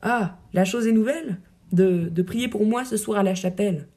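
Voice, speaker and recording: A woman voicing an aging male poet-soldier, proud and teasing but secretly dying, reading verse drama with a gently mocking, lyrical delivery. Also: mid-range voice, normal speed, natural voice. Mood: wry.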